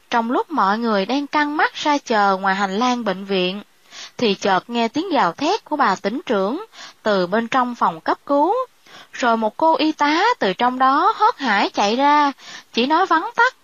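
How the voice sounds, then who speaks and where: A woman narrates a story in a steady, measured manner. Her voice sits high, dry and close. The recording is slightly dull and lo-fi. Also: no room sound.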